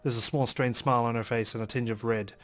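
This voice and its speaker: A let's player with a mid-range voice reads a visual novel aloud as he plays, delivering it quickly, dramatically and expressively. Game music plays in the background.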